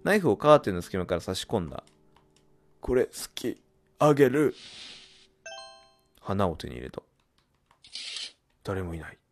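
A man doing horror game commentary, muttering and reading game text aloud, then bursting into loud startled yelps. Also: low voice, sing-song, a little slow, gravelly, pauses often, soft background music. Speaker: let's play gamer.

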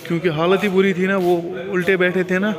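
A man's voice: high-pitched, flat delivery, fairly quick, crowd noise. Young man vlogging in a busy truck yard. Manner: chatty, explaining as he films. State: tired. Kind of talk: casual vlog commentary. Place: outdoor truck loading yard. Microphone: phone camera held by hand.

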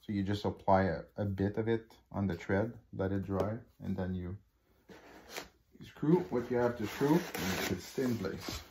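Against a noisy background, a man with a lowish voice speaks at a moderate pace in a Québécois French accent. He's a native French speaker from Quebec, a hobby vlogger filming a casual unboxing on his phone over a living-room table, stumbling through with lots of fillers and restarts.

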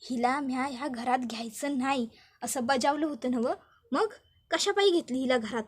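A woman's voice: high-pitched, normal speed, slightly rough. A woman voicing a harsh village mother giving curt orders in rural dialect. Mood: stern. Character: harsh stern village mother scolding daughters.

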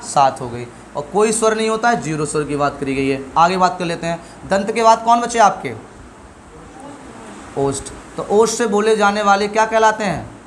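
A man's voice: high voice, expressive, normal speed, a little hiss or hum. A middle-aged male teacher giving a classroom lesson, asking questions and answering them himself while drilling sounds.

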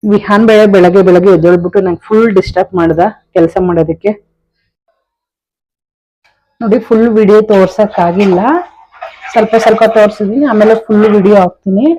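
A woman's voice: medium pitch, fairly even intonation, fast talker, dark tone, poor audio. Chatty woman vlogging at home. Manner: chatty, talks straight to viewers. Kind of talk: casual home vlog narration. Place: home kitchen.

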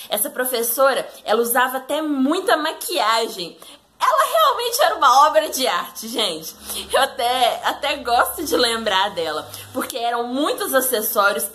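Brazilian woman, etiquette vlogger; high, bright, chatty, talks straight to viewers. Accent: Brazilian Portuguese. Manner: chatty, keeps addressing the audience directly. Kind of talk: casual advice talk to viewers.

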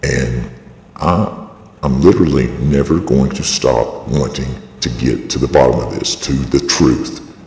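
Speaking at a measured pace, a male video blogger uses a voice-changing device that darkens and lowers his voice. His personal statement is aggrieved, rambling, and insistent, and it comes through processed and echoey with long reverb.

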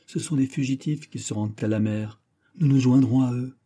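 Man reading fiery young greek hero, vehement, dark voice, husky. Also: medium pitch, moderate pace, close to an everyday voice. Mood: urgent. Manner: urgent, vehement.

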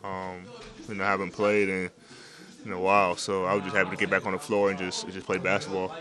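A man's voice: low-pitched, completely flat delivery, fast talker, a crowd in the background. A young man, a basketball player, answering reporters' questions in a locker room after a game, laid-back and full of fillers. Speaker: basketball player at postgame interview. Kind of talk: postgame press interview. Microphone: several handheld reporter mics.

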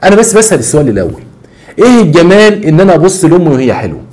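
A rapid-fire man with an Egyptian accent tells a case story as a talk show host. His voice sits a little high for a man. He keeps throwing rhetorical questions and repeating his points for emphasis. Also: big pitch swings, darkish tone. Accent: Egyptian Arabic. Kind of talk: storytelling monologue on a social case.

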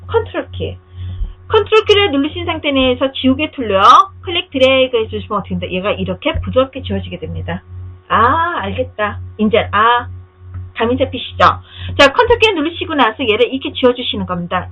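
Husky-voiced woman teaching software, tinny sound. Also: on the high side. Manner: step-by-step, asks rhetorical questions. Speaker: software instructor. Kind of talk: screen-recorded software tutorial.

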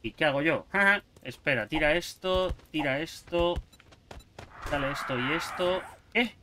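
A young man giving jokey, excitable commentary while playing a survival game, yelping at sudden scares. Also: on the high side, measured pace. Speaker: gaming YouTuber. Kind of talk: gameplay commentary.

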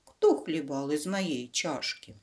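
A woman's voice: sits low, animated, slow, exaggerated voice. A woman voicing a cross, middle-sized mother bear with a moderate growl in a children's fairy tale. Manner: growling, less fierce.

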